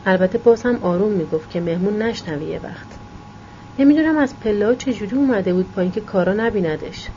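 Mellow woman reading a novel aloud. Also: medium pitch, animated, dull audio, a little hiss or hum. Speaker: audiobook narrator.

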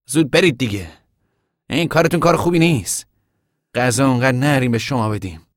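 A man's voice: medium pitch, expressive, dry recording, studio quality, natural voice. Fields: a man playing a firm young man in a radio play. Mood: stern.

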